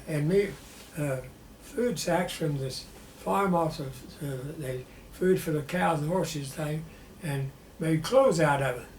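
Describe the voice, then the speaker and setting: A man in his nineties with a Southern American accent, an old veteran looking back on his life. His voice sits fairly high, and he recalls things plainly and haltingly. The room echoes around him, with faint noise behind. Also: a little mellow. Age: 90s. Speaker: war veteran being interviewed. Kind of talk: personal reminiscence in an interview. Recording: roomy echo with faint background noise.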